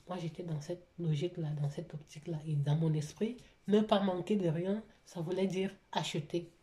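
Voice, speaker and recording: Woman vlogger with a foreign accent; low, dark, mellow voice; hesitant and full of restarts. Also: steady tone. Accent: foreign accent in French. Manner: halting, many restarts and fillers. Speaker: vlogger, single mother. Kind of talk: personal confessional talk.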